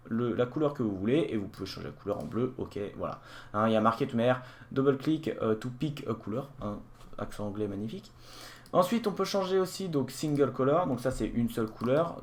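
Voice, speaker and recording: A man giving a casual unboxing walkthrough of a gadget, explaining as he clicks through settings, with frequent hesitations and restarts. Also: mid-range voice. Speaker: tech reviewer.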